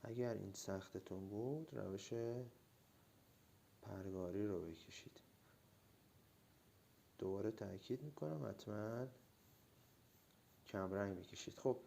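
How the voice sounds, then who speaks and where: Low-voiced, slightly hoarse male drawing teacher. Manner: relaxed, explains step by step, frequent "uh" fillers. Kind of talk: casual tutorial narration.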